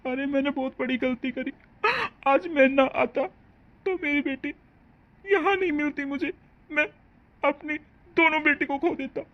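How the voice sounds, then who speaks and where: A woman's voice: sits high, unhurried, pauses often, dull audio. A woman voicing a grieving father in a cartoon drama. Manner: pleading, heavy and grief-stricken. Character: grieving middle-aged father of the bride. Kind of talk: cartoon family drama dub.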